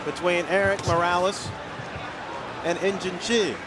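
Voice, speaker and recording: A man's voice: sits high, fairly even intonation, a little slow. A man calling a boxing bout as a live broadcast play-by-play commentator. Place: ringside in large arena. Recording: loud arena noise behind voice.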